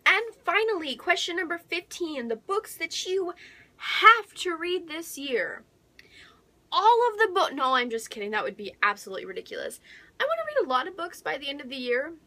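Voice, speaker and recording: A young woman talks books casually on her vlog, all excitable enthusiasm, dramatic emphasis and hushed little asides, in a voice that sits high.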